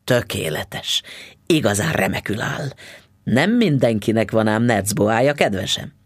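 A man's voice: on the low side, lively intonation, slightly rough, no room sound, clean studio sound. A man voicing a smug, stingy middle-aged male dentist who talks down to his wife. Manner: patronizing.

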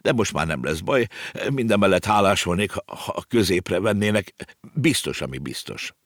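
A man's voice: sits low, animated, no echo, studio quality. A man voicing a polite, well-read male talking horse who speaks formally. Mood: courteous. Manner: courteous, formal.

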